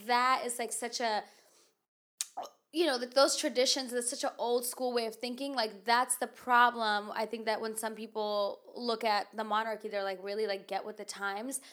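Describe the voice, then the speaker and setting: A woman from the United States hosts a podcast, her nasal voice on the high side, level in tone, fairly bright, and moderately paced. Her casual chat wanders, heavy with fillers.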